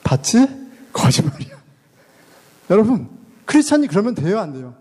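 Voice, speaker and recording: A man's voice: sits high, big pitch swings, brisk, mellow. A man in his thirties, a father and pastor, preaching a sermon in a chatty way and putting questions to the congregation. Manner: conversational, asks the congregation questions.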